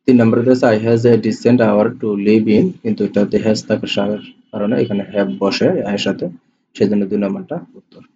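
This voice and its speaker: A tutor with a Bangladeshi Bengali accent goes through exam questions, reading each one and then repeating its answer. His voice is lowish, level and warm, at normal speed. The voice-over sounds dull and lo-fi with a faint hiss.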